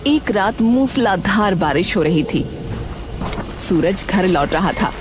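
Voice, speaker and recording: A woman narrating an animated story in a dramatic, measured storytelling manner. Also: mid-range voice, background noise.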